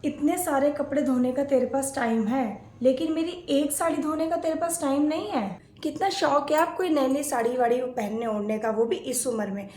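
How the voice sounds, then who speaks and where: A woman's voice: high voice, moderate pace, few pauses, dark tone, roomy sound. A woman acting out a scripted family skit, playing both a mother-in-law and a daughter-in-law.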